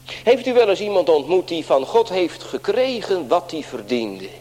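A man's voice: high-pitched, sing-song, normal speed, a little mellow. A man pastor preaching an earnest sermon in a church, often turning to address the congregation directly. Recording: long church reverb.

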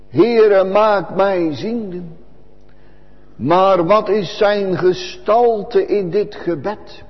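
Slow solemn high-voiced male preacher. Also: husky, big-room sound, lo-fi sound. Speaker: pastor. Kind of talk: sermon. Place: church.

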